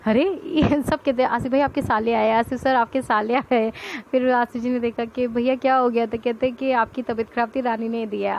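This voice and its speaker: Young woman vlogger, raised voice, lo-fi home recording with faint hiss. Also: a little high. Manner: chatty and animated, laughing often. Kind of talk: casual storytelling to camera. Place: at home with family around.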